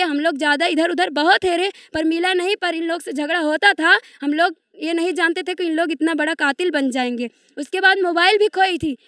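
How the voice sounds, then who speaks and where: A young woman from eastern Uttar Pradesh tells a reporter what happened, her accent strong and her speech grief-stricken and pleading. Her voice sits very high and sounds tense and piercing. The recording is dry and close, with no room echo. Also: a bit bright. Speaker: victim's daughter, interviewee. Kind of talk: emotional testimony to a reporter.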